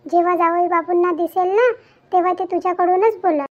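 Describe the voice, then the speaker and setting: A woman voicing an aging widowed mother in a cartoon, gentle and comforting. She talks in a soothing, motherly way. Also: very high voice, fairly even intonation, fairly quick. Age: older. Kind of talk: Marathi cartoon voice acting. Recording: dull lo-fi with faint background music.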